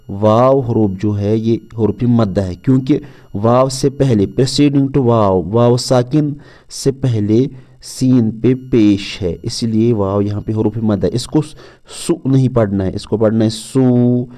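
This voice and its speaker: A man teaching pronunciation in a slow, step-by-step lesson, patiently repeating each rule and drawing out the example sounds. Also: lowish voice, warm tone.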